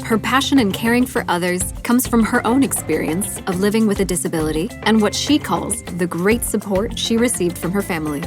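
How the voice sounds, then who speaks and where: A woman hosting a podcast, giving smooth, even scripted introductions. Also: mid-range voice, a little fast, few pauses. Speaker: podcast host. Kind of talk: scripted narration. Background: faint music.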